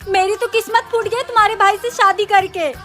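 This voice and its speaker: A woman playing a sharp-tongued, quarrelsome young wife in a comic family skit, sulky and combative. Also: very high-pitched, fairly even intonation, a little fast, soft background music.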